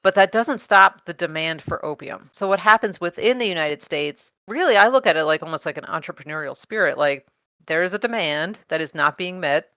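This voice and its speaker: Bright, chatty woman podcaster. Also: fairly low pitch, lively intonation, a little fast, dry recording, dull audio. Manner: chatty, laughs often, many fillers and restarts. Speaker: podcast co-host presenting her research. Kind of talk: casual explanatory chat.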